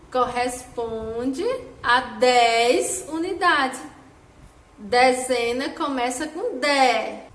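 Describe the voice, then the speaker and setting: A woman teacher giving a children's phonics lesson, sounding out each syllable slowly in a sing-song way. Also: high voice. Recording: echoey room with faint background noise.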